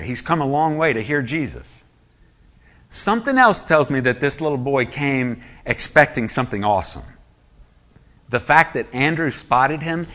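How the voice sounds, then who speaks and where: A man's voice: mid-range voice, a bit bright. A man preaching a sermon, emphatic and full of rhetorical questions to his listeners.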